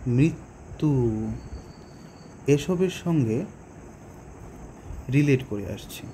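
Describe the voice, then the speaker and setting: A man with a Bengali accent explaining a poem to students, slowly and patiently, with pauses and rhetorical questions. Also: a little high, expressive, warm tone, a little hiss or hum. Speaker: teacher. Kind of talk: poetry lesson explanation.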